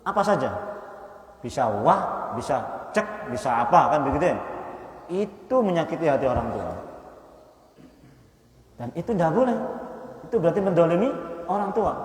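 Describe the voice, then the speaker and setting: A man preacher giving a casual mosque study talk, asking the listeners questions and joking with them. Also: on the high side. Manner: conversational, quizzes the audience and jokes. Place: mosque hall. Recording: echoey mosque hall, mic at a distance.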